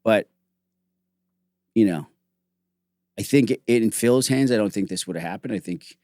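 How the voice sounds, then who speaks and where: Man, low voice, dry close sound, middle-aged, podcast host, casual chat, animated storyteller, lots of "like". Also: normal speed, no room sound. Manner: animated storytelling, acts out quotes; heavy use of "like", frequent restarts.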